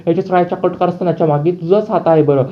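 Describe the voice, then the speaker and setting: A protective father threatens and demands answers, stern and unyielding, as a man voices him in a serial recap. He speaks fast and slightly high. The audio is dull and lo-fi. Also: fairly even intonation, close to an everyday voice. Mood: threatening.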